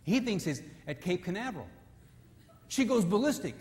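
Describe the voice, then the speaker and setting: A male preacher giving an animated, story-driven sermon, dropping low and quiet for emphasis. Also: normal speed. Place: church sanctuary. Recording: long church hall reverb.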